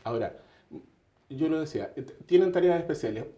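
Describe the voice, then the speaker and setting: A man's voice: on the high side, expressive, a little fast, mellow, roomy sound, muffled recording. A man hosting a TV interview, talking conversationally with fillers.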